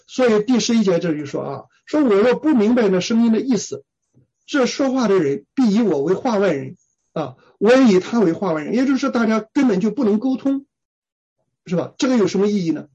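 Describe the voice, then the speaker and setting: A Bible teacher giving a sermon who keeps asking rhetorical questions and fills pauses with drawn-out "ah"s. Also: medium pitch, lively intonation, warm tone, slightly rough. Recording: dull lo-fi recording.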